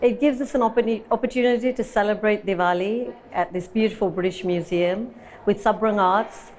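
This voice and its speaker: A woman who has danced with the group for years, speaking briskly in an interview. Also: mid-range voice, a little mellow. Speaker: long-time dancer. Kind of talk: interview at an event.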